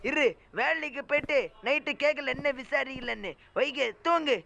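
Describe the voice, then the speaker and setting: Man, gaming youtuber, comic gameplay commentary, excitable, mocking, full of exclamations, very high voice, gravelly. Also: moderate pace, muffled recording, slight background noise.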